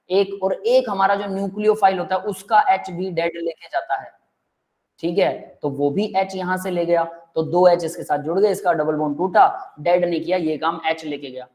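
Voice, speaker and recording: Male teacher, relaxed and friendly; step-by-step explainer who checks in with students constantly. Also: a little high. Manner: explains step by step, keeps checking the class understands; relaxed and friendly, calls students "beta" and "bhai". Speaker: chemistry teacher. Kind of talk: live online chemistry lecture.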